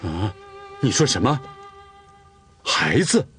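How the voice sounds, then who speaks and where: A man's voice: lowish voice, sing-song, slow, bright, forceful tone, soft background music, full character voice. An actor playing a dutiful young Torghut man who tends the khan's horses, in a period TV drama, firm and reasoning. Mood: grave. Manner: firm, reasoning, at times soothing. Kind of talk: television period drama acting.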